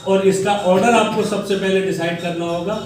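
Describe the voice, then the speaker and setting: Heard from afar in an echoey room, a male chemistry teacher lectures at a board in a high, fairly even, brisk voice, with slight background noise. He quizzes the students call-and-response style, repeating key words for them to answer.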